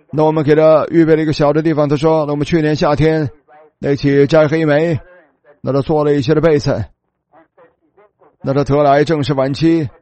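A man's voice: fairly high pitch, mellow, no room sound. A man preaching, telling a long story in his sermon and filling his speech with many small filler words.

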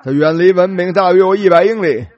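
A man preaching a sermon, telling a story dramatically and slowing down for emphasis. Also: high-pitched, no room sound, lo-fi sound.

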